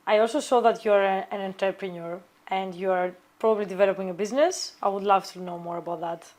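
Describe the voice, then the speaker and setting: Measured woman hosting an interview. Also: medium pitch, steady tone, darkish tone. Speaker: interview host. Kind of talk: interview questions.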